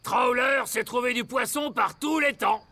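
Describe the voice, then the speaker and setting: Grumpy old cartoon fisherman: high for a man, sharp and gravelly, gloating and mean. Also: a little slow, full character voice. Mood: boastful. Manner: gloating, shouting, speaks of himself grandly. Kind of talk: French children's cartoon dubbing.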